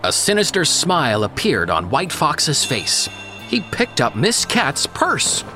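Very expressive storybook narrator. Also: mid-range voice, slow pace. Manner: expressive, dramatic. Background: background music.

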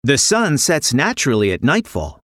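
With a rumbling low voice, a woman narrates a story for children at normal speed. Her intonation is lively and varied, her delivery scripted and expressive, and the recording is close and dry, free of echo.

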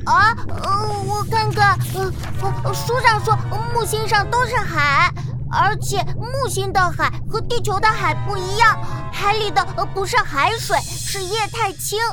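Children's audio drama: timid little bookworm child, extremely high voice, stammering and excitable, loud music behind. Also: female voice, unhurried. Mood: hesitant, puzzled. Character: timid bookish little child space traveller Kabi. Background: prominent children's music.

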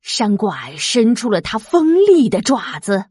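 A woman reading a children's storybook aloud, expressive and lively. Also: on the high side, breathy edge, dry recording, studio quality. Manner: slow, lively, expressive, sound effects.

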